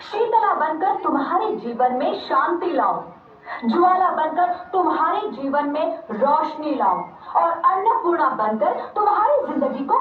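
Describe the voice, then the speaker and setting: A woman's voice: very high voice, a little hiss or hum, exaggerated voice. A woman acting as the vengeful spirit of unborn daughters, declaiming in an accusing, tearful manner, recorded far from the mic in an echoey room. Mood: reproachful. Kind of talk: amateur drama acting. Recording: echoey room from far off, tinny phone-like sound.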